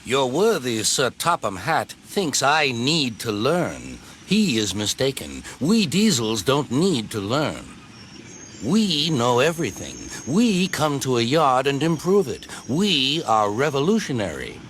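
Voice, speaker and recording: A man's voice: mid-range voice, sing-song, measured pace, a bit bright, a little hiss or hum. A man voicing an arrogant, boastful male diesel engine in a haughty, pompous manner. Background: music.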